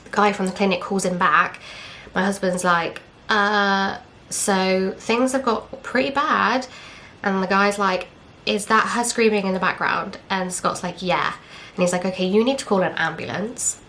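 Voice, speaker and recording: A woman's voice: medium pitch, steady tone, moderate pace, hardly any pauses, bright, forceful tone, a little hiss or hum. A young woman from England, candidly telling a personal story in casual chat, acting out what others said. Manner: candid, chatty, retells with quoted dialogue and fillers. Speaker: vlogger.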